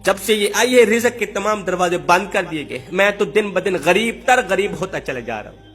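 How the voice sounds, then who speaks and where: A man's voice: high-pitched, animated, faint music behind. A man voicing a bitter husband who scolds and blames his wife in repeated insults. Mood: complaining. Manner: shouting insults, repetitive blaming.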